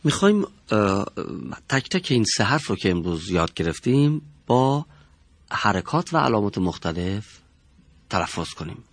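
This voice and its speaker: Middle-aged man, teacher, husky low voice, dry close sound, slow formal delivery. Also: very animated, dry recording. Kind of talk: recorded pronunciation lesson. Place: studio.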